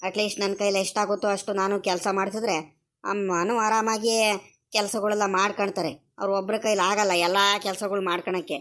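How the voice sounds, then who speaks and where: A gentle, dutiful young farm lad from a village cartoon, voiced by a woman. He speaks in a mid-pitched voice with a rural Karnataka Kannada accent. He explains himself softly and pleadingly. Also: little pitch movement, brisk, lightly acted. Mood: weary. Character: poor young male farm boy and student, gentle and dutiful. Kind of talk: animated cartoon voice acting.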